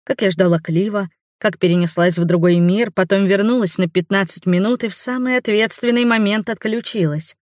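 A young adult woman narrating a first-person audiobook in an even storytelling manner. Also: mid-range voice, brisk, hardly any pauses, no echo, clean studio sound.

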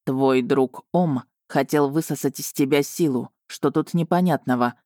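A woman's voice: extremely low pitch, warm tone, dry recording, studio quality. Woman voicing a stern dragon man. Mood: dry. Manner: stern, commanding, slow and weighty. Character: stern proud male dragon, a young woman's fiancé. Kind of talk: audiobook character voice.

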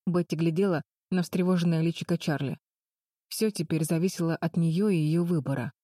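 A woman narrating a children's adventure audiobook in a calm, even storytelling manner. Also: fairly low pitch, brisk, dry recording, clean studio sound.

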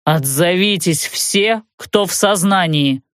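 A woman reading the lines of a stern, calm man who leads a group of prisoners, giving measured orders in an audiobook. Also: fairly low pitch, dry recording, clean studio sound. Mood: commanding. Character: stern male prisoner leader, calm and commanding. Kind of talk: audiobook narration.

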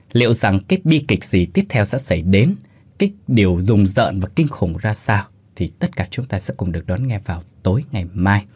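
A man's voice: lowish voice, darkish tone, husky, no room sound. A man reading a horror story aloud as the channel's storyteller, dramatic and with fillers in his asides.

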